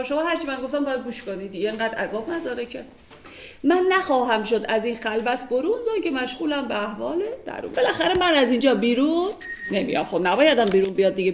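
A woman with a somewhat high voice teaches classical poetry verse by verse. She moves easily from reciting lines to chatty explanation, reaching for everyday examples. The sound carries a clear echo of the room around her. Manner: conversational, recites verses then unpacks them with everyday examples.

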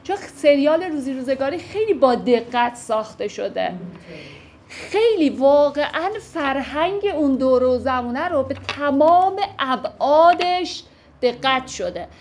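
A woman's voice: high voice, expressive, darkish tone, slight background noise. A woman teaching classical poetry, reciting verses and then explaining them in a casual, conversational way. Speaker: literature teacher.

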